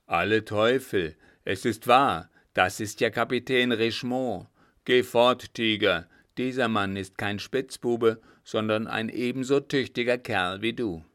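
A man voicing a sly, unhurried coachman who talks in a stubborn, mocking drawl. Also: fairly low pitch, fairly bright tone. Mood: gruff. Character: sly, unhurried old coachman, proud dog owner.

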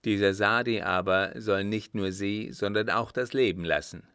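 A man's voice: lowish voice, moderate pace, a bit bright, smooth, no room sound, studio quality. A man voicing a stubborn, lovesick young man bent on revenge in an audiobook, speaking insistently. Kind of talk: audiobook reading.

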